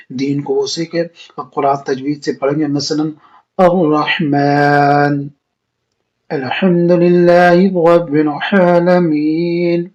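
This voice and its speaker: A male Quran teacher giving a beginner lesson on the Arabic alphabet, explaining step by step and drawing out each letter slowly. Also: mid-range voice, darkish tone. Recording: dull lo-fi recording.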